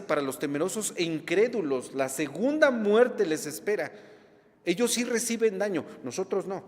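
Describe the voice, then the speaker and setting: A man's voice: high-pitched, big-room sound. A man preaching a sermon, emphatic, repeating key words and checking in with the congregation. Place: church.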